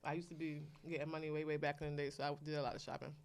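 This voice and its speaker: A woman's voice: low-pitched, very fast. Blunt, streetwise woman guest. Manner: blunt, streetwise, animated storyteller. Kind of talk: casual chat.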